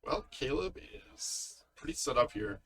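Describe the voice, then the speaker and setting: A man's voice: mid-range voice, expressive, a little slow, vocal fry, fairly bright tone. A man giving live card game commentary in a casual, chatty way, reacting to the plays. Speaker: tournament commentator.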